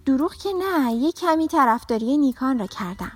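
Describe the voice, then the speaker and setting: A woman's voice: high voice, lively intonation, soft background music. A woman doing an eager young child. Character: young child judging a drawing contest, earnest. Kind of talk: children's storybook reading.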